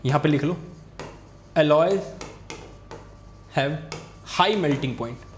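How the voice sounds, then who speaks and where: Young man, physics tutor, slightly high voice, echoey room, faint background hum, repeats himself. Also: drawn-out words. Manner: repetitive, urging students to pay attention. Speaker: physics teacher. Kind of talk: fast Hindi tutoring lesson with board writing. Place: room, recording a class video.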